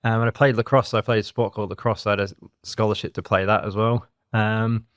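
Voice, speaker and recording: A man in his thirties with an Australian accent, co-hosting a podcast and telling his story in a relaxed, rambling way. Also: on the low side, quick pace, smooth, no echo, clean studio sound. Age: 30s. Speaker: co-host. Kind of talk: casual podcast chat.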